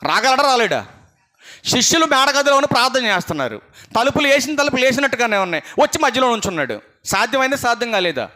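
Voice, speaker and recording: A man preaching with a high, bright voice and a Telugu accent. He moves between hushed, slow reflection and fervent, rising appeals, asking the congregation question after question. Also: sing-song. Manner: impassioned, rhetorical questions to the congregation. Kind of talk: sermon.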